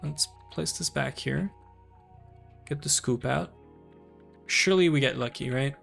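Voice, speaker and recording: A man with a Canadian accent, chatting casually while playing a game on stream and thinking out loud. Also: fairly high pitch, measured pace, creaky, soft background music. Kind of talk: casual gaming commentary.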